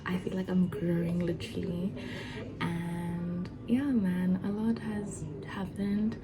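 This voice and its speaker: A woman in her twenties talking casually to camera as a vlogger, chatty and excited, with many fillers and restarts. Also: lowish voice, slow, over music, low-quality recording. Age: 20s. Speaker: vlogger and foundation founder.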